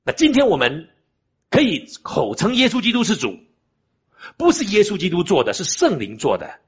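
A man's voice: sits high, huge pitch swings, normal speed, husky. An older man preaching a sermon as pastor, emphatic and asking the congregation rhetorical questions. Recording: dull lo-fi recording.

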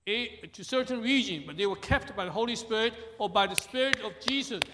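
A man interpreting a sermon live, halting at times as he searches for words. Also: high-pitched, long reverb tail, background noise.

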